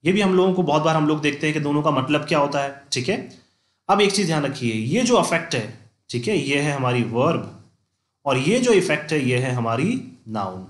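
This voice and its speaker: A man's voice: on the high side, animated. Man teaching English in a roomy echo. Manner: repeats points with "theek hai" checks, slows to dictate examples. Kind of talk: classroom-style lesson.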